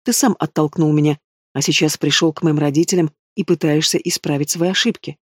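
Fiery young woman mage in a fantasy audiobook, a man reading her: indignant, sharp, dry close recording. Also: on the high side, fairly even intonation, a little fast, slightly rough, no echo.

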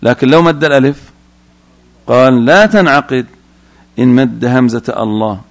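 A man's voice: medium pitch, moderate pace. A man teaching Islamic jurisprudence, reading a line from a text and then explaining it, often putting questions to his students.

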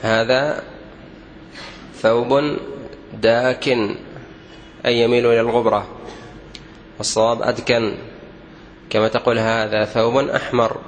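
A man gives a lesson on common errors in Arabic, stating each wrong form and then the correct one. His delivery is measured and didactic, with patient repetition. His voice sits at an ordinary pitch, with a faint background noise in the recording. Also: rough recording. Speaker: Arabic language teacher.

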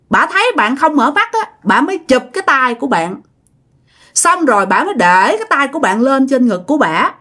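A woman's voice: high-pitched, bright, forceful tone. A woman with a Southern Vietnamese accent telling a ghost story vividly and dramatically, speaking straight to her listeners.

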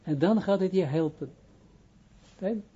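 A man teaching as a rabbi, his voice very mellow and dark with a husky grain, pitched a little above most men. He speaks haltingly, starting phrases over and pausing to check that listeners follow. The recording sounds dull and lo-fi. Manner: halting, restarts phrases, keeps checking understanding. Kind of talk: informal spoken lesson.

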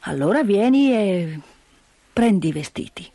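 A woman voicing a grumpy old mountain grandfather who speaks curtly and gruffly in a storybook reading. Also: medium pitch, animated, measured pace, warm tone, no echo. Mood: grumbling. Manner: curt, gruff, muttering.

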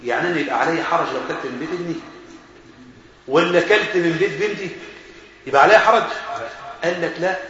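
A man's voice: fairly high pitch, quick pace, pauses often, a bit bright. A man with an Egyptian accent, teaching a lesson on Quran verses as a sheikh, quizzing his listeners and chuckling as he explains. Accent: Egyptian Arabic. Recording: very echoey, dull recording with crowd noise.

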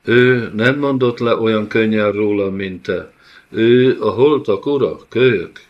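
A man reading an audiobook, voicing an undead woman fused into a golem, who taunts in an eerily calm way on a dull lo-fi recording. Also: lowish voice, natural voice. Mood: mocking.

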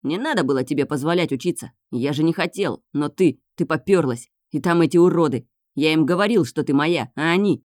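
A woman reading aloud voices an obsessive, menacing young man who snarls, swears and bursts into shouting. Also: low voice, brisk, few pauses, dry recording, clean studio sound, natural voice. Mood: resentful.

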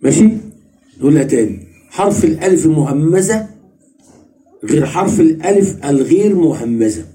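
Egyptian man teaching, high mellow voice. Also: expressive, moderate pace, long pauses. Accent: Egyptian Arabic. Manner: questioning, repeats points and answers himself. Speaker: religious teacher. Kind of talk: Sufi study lesson.

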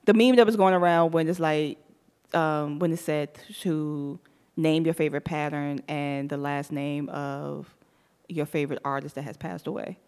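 A young woman co-hosting a radio talk show, chatting in an animated, easygoing way. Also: low voice, moderate pace, clear, resonant tone. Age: young adult. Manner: chatty, animated, laughs easily. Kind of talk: casual chat.

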